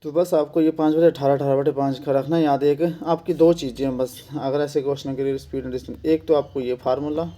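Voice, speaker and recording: A man's voice: on the high side, steady tone, brisk, hardly any pauses, mellow. A man with a Himachali Hindi accent teaching an exam-prep maths lesson, patiently repeating steps and working sums aloud.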